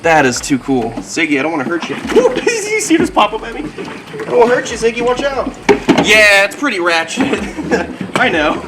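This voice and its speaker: A man's voice: high voice, huge pitch swings, moderate pace, heavy background noise. A man hosting a wildlife vlog outdoors, explaining what he is doing in an upbeat, informal way as he works. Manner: upbeat, informal, talks to viewers and animal. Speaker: wildlife video host. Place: outdoors at animal enclosures. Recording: music under outdoor speech.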